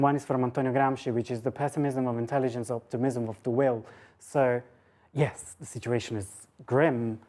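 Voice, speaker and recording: A woman lecturer gives an academic talk with audience questions, thinking aloud in a rambling, self-deprecating way. Her voice is extremely low in pitch and a little mellow.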